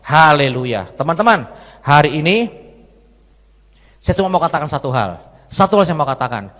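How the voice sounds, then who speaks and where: A man's voice: fairly high pitch, very animated, moderate pace, fairly bright tone. Man preaching a story-filled sermon in an echoing hall. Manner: conversational, addresses listeners as friends, repetitive. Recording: long hall reverb.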